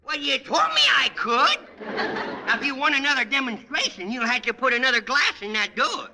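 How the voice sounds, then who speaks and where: A man's voice: very high voice, animated, a little fast. A man voicing a mischievous little boy troublemaker in a 1940s radio comedy, brash and full of bad grammar. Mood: sassy. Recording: noisy old radio broadcast.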